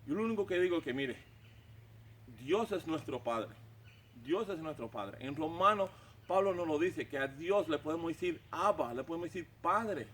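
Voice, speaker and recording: A man's voice: a little high, animated, moderate pace, fairly bright tone, slight background noise. A man from Cuba, teaching the Bible in an informal, conversational way, repeating words and checking in with his listeners. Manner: repeats words and restarts phrases.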